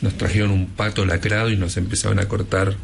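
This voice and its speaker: A man's voice: on the low side, flat delivery, fairly quick, vocal fry, slight background noise. A man with an Argentine accent hosting a radio interview in a chatty, conversational way. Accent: Argentine Spanish. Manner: conversational, chatty, frequent backchannels. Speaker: radio host.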